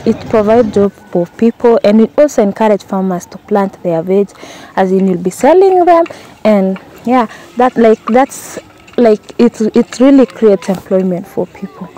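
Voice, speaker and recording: Set in a bustling village market outdoors at dusk, this vlog features a young Kenyan-accented woman talking casually to viewers, full of fillers and questions for them. She speaks at a normal speed in a dark, mid-range voice, with a little hiss or hum on the audio.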